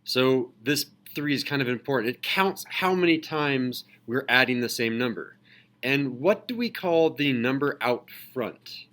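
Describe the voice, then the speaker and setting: A man's voice: medium pitch, expressive, unhurried, fairly bright tone. A man teaching a math lesson to a class, asking questions and calling on students. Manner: calls on students, asks questions. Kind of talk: classroom lecture.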